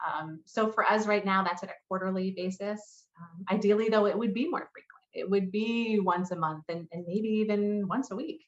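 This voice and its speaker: Here a conference presenter who leads customer marketing delivers a business talk and takes questions, her medium-pitched voice moving at a moderate pace with hardly any pauses. Echo from the room and slight muffling color the recording.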